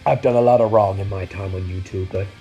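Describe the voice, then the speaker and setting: Man putting on a remorseful male gamer hero, deep sunken voice, slow solemn mutter, faint music behind. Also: steady tone, warm tone, muffled recording.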